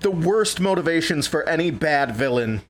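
Man, high-pitched, blunt, mocking, casual film chat. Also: animated, moderate pace. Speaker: podcast co-host.

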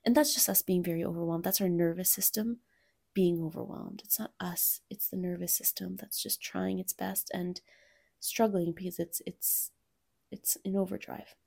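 Candid woman talking softly and openly. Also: lowish voice, fairly even intonation, normal speed, creaky. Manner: candid, reflective, softens to near-whispers at times. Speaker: podcast host and coach for mothers. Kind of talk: personal solo podcast talk.

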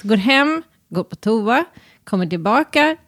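A woman, co-hosting a casual chat podcast and acting out her stories with animated voices. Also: no room sound, studio quality. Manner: animated storytelling, acting out a child's shrill demands. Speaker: podcast co-host.

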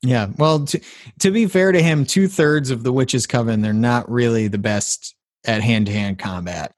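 A man's voice: medium pitch, moderate pace, no room sound, studio quality. A man co-hosting a podcast, playfully recapping a film in casual chat. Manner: playful, recaps plot with jokes. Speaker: podcast co-host. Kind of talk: casual movie-review chat.

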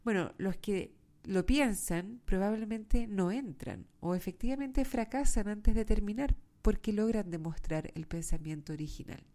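A woman's voice: mid-range voice, lively intonation, normal speed, warm tone. A woman with a nasal voice, stuffed up from allergies, giving a reflective motivational monologue and addressing the listener directly. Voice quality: nasal, congested voice. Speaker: host of a self-help podcast.

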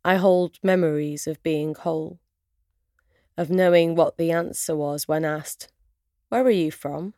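A woman whose first language is Arabic and who speaks with a British accent recites spoken word poetry in measured, deliberate phrases broken by pauses. Her voice is low with a dark tone, captured in a dry, studio-quality recording.

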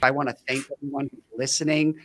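A man hosting a podcast, speaking earnestly and effusively with slow, emphatic stresses as he closes an interview. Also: medium pitch, level tone, fairly bright tone. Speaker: podcast host. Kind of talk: warm podcast interview wrap-up.

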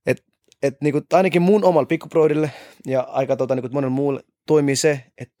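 A man's voice: a little high, fairly even intonation, warm tone, no room sound, clean studio sound. A man co-hosting a casual podcast, a cornerman, rambling with lots of filler words and casual swearing.

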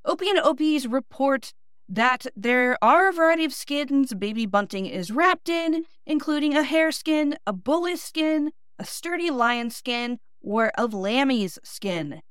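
A woman's voice: high-pitched, lively intonation, a little slow, no echo, clean studio sound. A woman podcast host with a Northeast Ohio accent, reading scripted history narration with small self-deprecating asides. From Midwestern United States.

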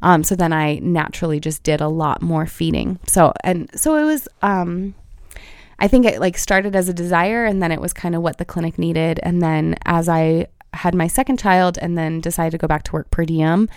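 Earnest woman with a gravelly, creaky voice. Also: lowish voice, moderate pace, darkish tone, no room sound, clean studio sound. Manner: earnest and heartfelt, with frequent fillers. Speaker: pediatric feeding therapist. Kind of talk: conversational interview.

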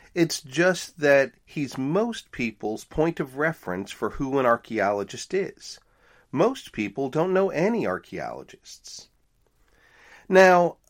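A middle-aged man hosting his own podcast, telling stories in a casual, wry, conversational way. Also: medium pitch. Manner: animated, conversational, wry asides. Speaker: podcast host, archaeologist.

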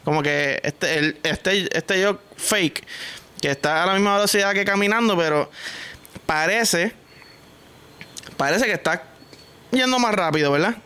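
Bright, clear Puerto Rican man ranting. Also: high voice, normal speed, pauses often. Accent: Puerto Rican Spanish. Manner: crude, joking rant full of slang. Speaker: vlogger host. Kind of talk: casual comic monologue vlog.

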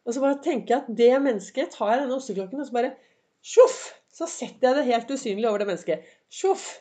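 A woman hosting a podcast in a chatty, encouraging motivational monologue, her voice slightly hoarse and her throat often cleared, with many fillers. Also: fairly high pitch, dark tone. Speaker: podcast host. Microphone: semi-pro recording setup.

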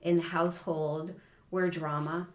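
A middle-aged woman with a deep voice, speaking a little slowly in a reverberant space, co-hosts a podcast. She chats casually and tells animated stories, acting out the voices of the people in them.

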